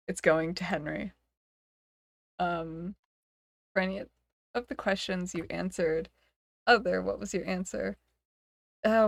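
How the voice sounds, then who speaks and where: A woman streaming in a relaxed, rambling chat, laughing between thoughts and making a show of mock despair. Her voice sits a little low and moves at a slow, easy pace. The sound is close and dry, with no room around it. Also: vocal fry, no room sound. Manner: giggly, rambling, self-dramatizing. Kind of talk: casual chat.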